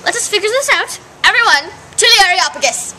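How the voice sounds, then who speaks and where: A woman's voice: extremely high pitch, lively intonation, a little fast, a little hiss or hum, heavily acted, poor audio. A woman playing a goddess who presides as judge and calls out orders with authority. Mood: authoritative. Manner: sharp, calling out, authoritative.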